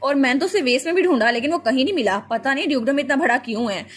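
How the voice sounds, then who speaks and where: A woman's voice: sits high, expressive, racing, fairly bright tone. A woman voicing a cheerful little girl, the daughter of a noble house, in a comic story recap. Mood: sweet.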